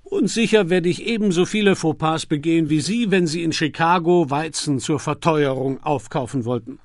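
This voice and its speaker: A man's voice: on the high side, normal speed, no room sound, clean studio sound, pitched above the performer's own voice, natural voice. A man voicing a self-assured, talkative American businessman with an effusive, chatty manner. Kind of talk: audiobook character voice.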